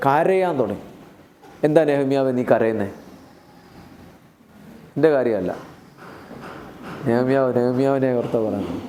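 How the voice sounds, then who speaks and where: A man with a Keralite Malayalam accent preaches a sermon in a fairly high voice. He retells Bible stories in everyday, conversational language. He keeps firing questions at the congregation. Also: darkish tone, slight background noise. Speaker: pastor.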